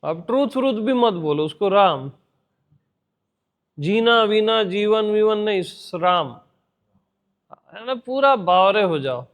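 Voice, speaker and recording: High-pitched guy giving a slow satsang talk, gentle, keeps softly repeating a chant. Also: lively intonation. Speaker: spiritual teacher.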